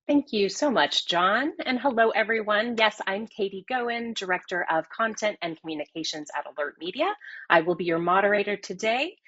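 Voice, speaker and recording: A woman's voice: mid-range voice, fairly bright tone, dry recording. A woman moderating a business webinar, introducing speakers and running polls in an upbeat, scripted way. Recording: slightly dull, dry audio.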